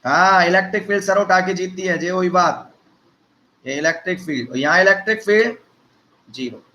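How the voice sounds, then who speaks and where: A man with a high, bright voice leads a physics lecture, joking with his students and calling them son and brother. He talks casually, firing off questions and answering them himself. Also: fairly quick, poor audio. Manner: teasing, conversational, addresses students as beta and bhaiya. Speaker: teacher.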